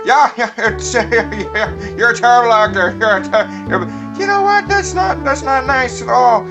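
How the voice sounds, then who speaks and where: A man's voice: very high-pitched, normal speed, music in the background. A man voicing a goofy, whiny, dramatic sock puppet in a bickering comedy sketch, with a muffled puppet voice.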